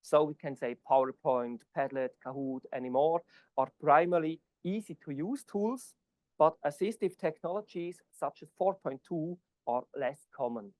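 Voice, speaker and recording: The voice belongs to a man from Switzerland presenting academic work and answering questions in a conference hall. His English, not his native language, comes out halting and padded with fillers, and his darkish voice sits on the high side with no room sound.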